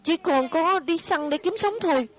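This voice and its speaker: A woman's voice: very high-pitched, moderate pace. A woman voicing a self-pitying cartoon mountain bandit man. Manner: gruff, self-pitying complaint. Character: pitiful ugly male mountain bandit turned hunter. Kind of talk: cartoon dub.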